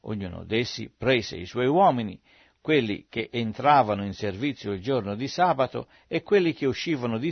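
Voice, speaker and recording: A man reading aloud from the Bible in a measured, steady way. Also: mid-range voice, no room sound. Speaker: Bible reader. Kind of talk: scripture reading. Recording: dry, slightly dull recording.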